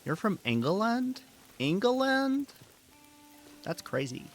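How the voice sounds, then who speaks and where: A man's voice: high-pitched, sing-song, slow pace, soft background music, voice pushed up, exaggerated voice. A man putting on a gushing American Cali girl. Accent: put-on American.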